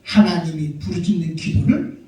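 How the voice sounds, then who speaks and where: A man's voice: on the high side, moderate pace, darkish tone. A man, a pastor, preaching a sermon emphatically, full of rhetorical questions and repeated amens. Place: church sanctuary. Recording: very echoey church hall, mic far off.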